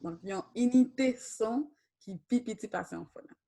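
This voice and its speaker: A woman's voice: fairly high pitch, moderate pace, vocal fry, dark tone. A woman teaching a Haitian Creole class, switching between Creole and French and questioning her students patiently.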